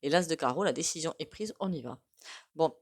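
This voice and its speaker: A woman's voice: sits low, animated, brisk, husky. Rambling French woman reading tarot. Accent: regional French. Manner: rambling, hesitant, many fillers and asides. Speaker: tarot card reader. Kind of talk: casual tarot reading to camera.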